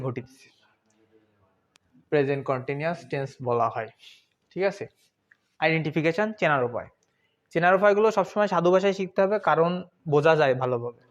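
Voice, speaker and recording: Young male tutor, slightly high voice, casual, answers his own questions. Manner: chatty and informal, asks questions and answers them himself. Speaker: English grammar teacher. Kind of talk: online grammar lesson.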